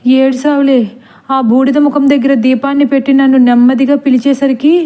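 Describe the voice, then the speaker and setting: A woman's voice: sits high, flat delivery, normal speed, dark tone, natural voice. A woman voicing an irritable, bossy elderly grandmother in a storybook horror tale, scolding and snapping at a servant.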